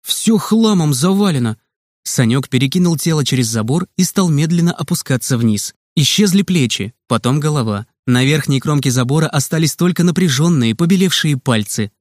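A man narrating a children's audiobook in a lively, expressive way, recorded close in a dry room. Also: a little high, a little fast, hardly any pauses, dry recording.

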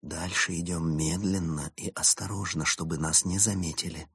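A man voicing a calm, clever male animal who leads his friends with quiet, steady commands. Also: fairly low pitch, normal speed, no echo, voice pushed up. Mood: calm commanding.

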